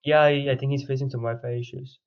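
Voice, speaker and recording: A man with a mid-range voice hosts a consulting call, speaking fast in a level tone and peppering his loose talk with "you know" and "like." The video call audio sounds dull.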